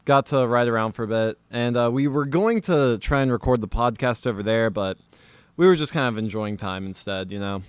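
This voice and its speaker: A man co-hosting a podcast, telling a story in casual chat with animated, laughing delivery. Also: medium pitch, brisk, smooth, no echo. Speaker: podcast co-host.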